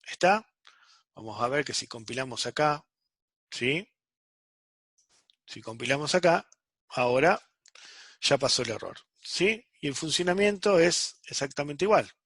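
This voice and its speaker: A man's voice: on the high side, animated, a little slow, long pauses, a bit bright, slightly rough, no room sound. A man teaching a programming class online, checking in with the students after nearly every phrase. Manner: checks understanding with frequent "¿sí?" and "¿está?".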